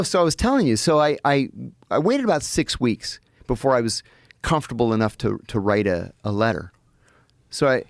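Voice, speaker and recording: A middle-aged man telling stories as a podcast guest, animated and vivid, often restarting his sentences. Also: mid-range voice, vocal fry, dry recording, studio quality. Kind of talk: anecdotal storytelling in conversation. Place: podcast studio.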